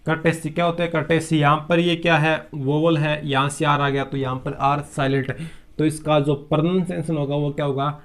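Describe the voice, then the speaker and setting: A man runs a vocabulary lesson at a steady teaching pace. He keeps asking questions aloud and then answers them himself, and he mixes English words into his explanations. His voice sits a little high for a man. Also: moderate pace. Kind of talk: classroom-style vocabulary lesson.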